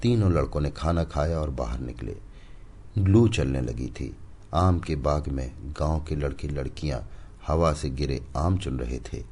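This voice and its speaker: A man narrating a classic short story in an expressive, dramatic reading style. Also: extremely low pitch, unhurried, breathy edge. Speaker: audiobook narrator.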